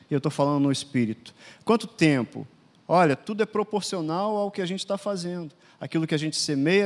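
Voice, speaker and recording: A man with a Brazilian Portuguese accent preaching a sermon, stressing his points with emphatic, repeated declarations. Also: on the high side. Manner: emphatic, repetitive declarations that swell louder.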